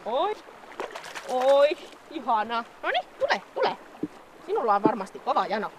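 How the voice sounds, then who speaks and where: A woman's voice: high-pitched, sing-song, very noisy. A woman talking to an animal she is leading, coaxing it along and repeating her words.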